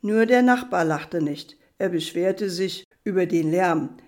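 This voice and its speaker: A man with a notably high voice reads a bedtime story aloud. He tells it in a lively way, lifting his voice higher for the characters. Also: unhurried.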